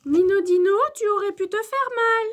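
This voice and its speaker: A strict but caring dinosaur schoolteacher from a children's storybook, who scolds her pupils in a high, ringing voice, as a woman reading the story puts her on. She sounds bossy and loud, lifted well above the reader's own pitch. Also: lively intonation, moderate pace. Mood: scolding.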